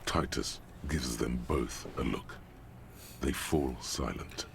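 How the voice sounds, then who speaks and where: A man's voice: a bass voice, takes it slowly, vocal fry, a bit bright, a little hiss or hum, pitched below the performer's own voice, full character voice. A man voicing the wry, ominous inner voice of a detective, narrating a video game with drama. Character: brooding inner voice of a male detective.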